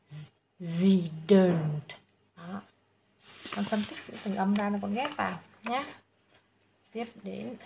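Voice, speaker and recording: A woman teacher with a Vietnamese accent giving a young student patient pronunciation feedback, saying each English word loudly and repeating it. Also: medium pitch, gravelly, slight background noise. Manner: slow, patient, models English words loudly and repeats them.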